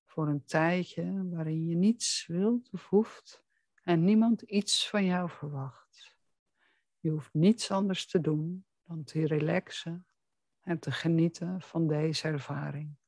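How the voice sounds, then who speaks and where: A soothing, deliberate voice guiding the listener through a relaxing hypnosis, speaking closely and intimately, right in the ear. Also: medium pitch, darkish tone, no room sound. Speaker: hypnotherapy guide. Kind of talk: guided hypnosis relaxation narration.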